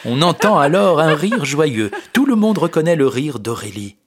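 Man narrating a story, measured. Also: on the high side, very animated. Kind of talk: scripted audiobook narration.

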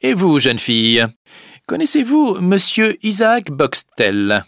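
A man voicing a stern, composed prince in a storybook reading, speaking in a commanding, measured way. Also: sits high, wildly swooping pitch, fairly bright tone, dry recording, studio quality, pitched above the performer's own voice, exaggerated voice.

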